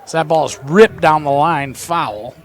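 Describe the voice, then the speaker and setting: A man with an American Midwest accent calling a local baseball game play-by-play, chatty and reading viewer texts between pitches. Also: unhurried. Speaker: play-by-play announcer.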